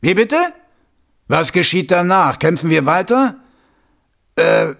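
A man voicing a hurried, surprised male lieutenant in an audiobook. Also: high-pitched, animated, creaky, fairly bright tone, pitched above the performer's own voice, heavily acted. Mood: urgent. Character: urgent male watch lieutenant.

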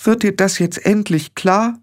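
Ein Mann spricht eine kleine, besorgte Clanchefin mit schriller, schimpfender Stimme. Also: male voice, fairly even intonation, a little fast, a little mellow, lightly acted. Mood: tearful. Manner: shrill, worried and scolding. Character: anxious, fussy little fairy-clan matriarch woman.

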